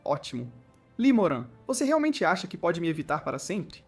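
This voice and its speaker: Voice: medium pitch, big pitch swings, fairly quick, husky, soft background music. A narrator voicing a proud, wounded young female rival who speaks bitterly through gritted teeth.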